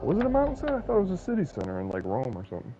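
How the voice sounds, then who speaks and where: A man's voice: high-pitched, wildly swooping pitch, very fast, muffled recording. A man streaming a racing game, chatting casually with crude jokes and plenty of swearing. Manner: crude joking banter, swears freely. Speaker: gaming streamer. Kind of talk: casual chat while racing. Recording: noisy game-stream audio.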